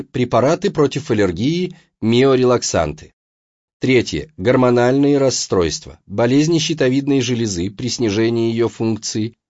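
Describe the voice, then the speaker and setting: A man's voice: medium pitch, darkish tone, no echo, muffled recording. A man, a doctor, giving a scripted medical talk with a dry, wry anecdote.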